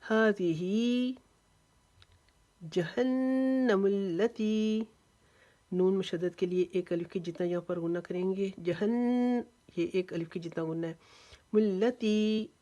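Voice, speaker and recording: A woman's voice: fairly low pitch, mellow. A woman teaching Quran recitation rules step by step, patiently and methodically explaining how each sound is drawn out. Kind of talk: step-by-step tajweed lesson.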